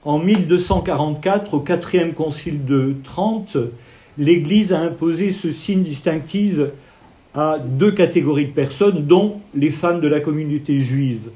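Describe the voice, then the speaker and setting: At an evening art history talk, a man from an Italian family background lectures in a slightly high, dark-toned voice at a somewhat slow pace. He takes the paintings apart step by step, highlighting details and talking with his hands.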